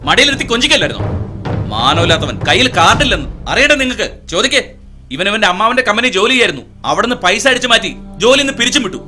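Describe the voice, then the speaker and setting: Play a proud, contemptuous commissioner father, rapid-fire and bright-edged, sneering at everyone in a film dub. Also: high-pitched, big pitch swings, faint music behind, exaggerated voice. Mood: scornful. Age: middle-aged. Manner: harsh, taunting, contemptuous. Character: domineering, arrogant middle-aged police commissioner father. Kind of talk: dubbed film acting.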